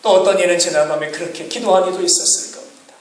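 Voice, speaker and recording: A man preaching a sermon as pastor, often shouting and drawing out his words. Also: sits high, steady tone, fast talker. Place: church sanctuary. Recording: echoey church hall from far off. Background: congregation.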